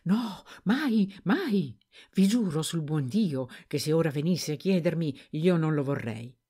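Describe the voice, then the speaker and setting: A frightened, tearful young servant girl who pleads in halting, drawn-out words, as a woman narrator puts her on. Her replies lift well above the reader's own low voice in this storybook reading, and they waver up and down. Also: animated, dark tone, husky, heavily acted. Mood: pleading, frightened.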